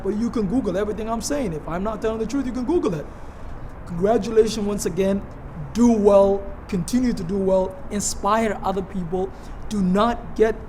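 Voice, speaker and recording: A man from Somalia giving an earnest, halting congratulatory speech to graduates, often repeating words as he goes. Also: high-pitched, darkish tone. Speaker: speaker addressing graduates. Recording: noisy, with background ambience.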